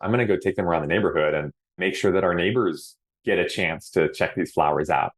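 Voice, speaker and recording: Stretching out the words he means to stress, a middle-aged podcast guest from Hawaii speaks briskly in a notably deep, low voice. The interview is casual, and he comes across as relaxed, earnest and reflective.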